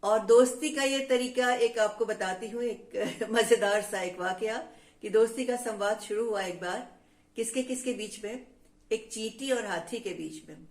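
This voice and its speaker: Slow, teacherly woman storyteller for kids, echoey room. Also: a little high. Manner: teacherly, addresses listeners as friends. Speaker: storyteller for children. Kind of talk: children's storytelling lesson. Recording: roomy echo.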